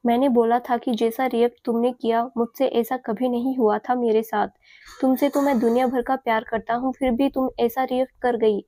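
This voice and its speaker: A woman's voice: on the high side, level tone, moderate pace, dark tone, dry recording, lightly acted. A woman narrator voicing a stern, domineering young man who speaks curtly to his lover. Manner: curt, commanding.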